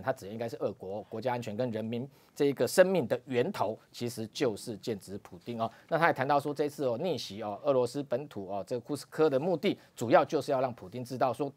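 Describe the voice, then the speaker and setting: Male TV pundit with a Taiwanese Mandarin accent, rapid-fire delivery, trailing "哦" particles, emphatic spikes of pitch. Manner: frequent "哦" particles, emphatic rises. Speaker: political commentator. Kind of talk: TV talk show analysis. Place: TV studio.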